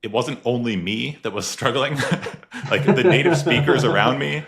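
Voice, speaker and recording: Speaking at normal speed in a mid-range voice that is gravelly and fairly bright, the podcast host keeps his interview relaxed and conversational. He laughs frequently and leans heavily on fillers.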